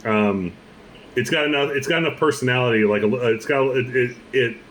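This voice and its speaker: A man's voice: mid-range voice, fairly bright tone, poor audio. Easygoing man with a faint noise bed. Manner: easygoing, halting, repeats himself. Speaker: whiskey reviewer. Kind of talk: casual tasting chat.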